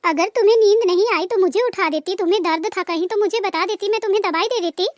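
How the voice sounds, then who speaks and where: A woman voicing a kind, honest, hardworking sister-in-law who speaks gently and politely. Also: extremely high pitch, fast, dry recording, pitched above the performer's own voice. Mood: caring.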